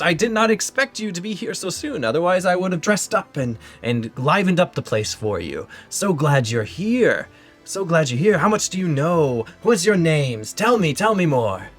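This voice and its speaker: A man voicing a flamboyant older male human mayor who gushes and repeats himself. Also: heavily acted. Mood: effusive. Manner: effusive, repeats himself, high and excited.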